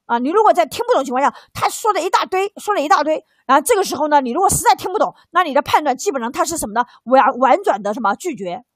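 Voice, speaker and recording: A woman with a high, bright-pitched voice teaches exam technique to a couple of students. She explains step by step, repeats key phrases and keeps asking rhetorical questions. The sound is close and dry, with no room echo. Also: big pitch swings, rapid-fire, hardly any pauses. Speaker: English exam tutor. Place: small tutoring class with two students.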